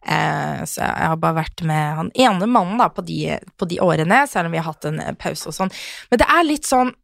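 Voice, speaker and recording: Animated chatty woman co-host. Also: creaky, dry recording, studio quality. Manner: animated, acts out quarrels in a shrill voice. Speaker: podcast co-host. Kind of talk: casual chat.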